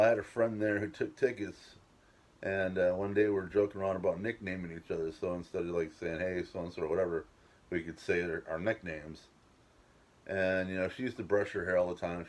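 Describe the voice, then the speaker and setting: A middle-aged man with a very low, deep voice tells his story in a loose, wandering way. He swears without a second thought and laughs at himself as he goes. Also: a little mellow. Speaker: channel host telling his life story. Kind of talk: casual storytelling monologue.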